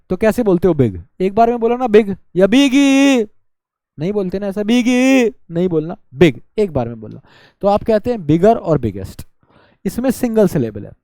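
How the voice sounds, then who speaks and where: High-voiced Hindi-speaking male teacher. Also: warm tone, no echo, clean studio sound. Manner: explains by asking and answering his own questions; drawls words out to show syllables. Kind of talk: exam-prep grammar lesson.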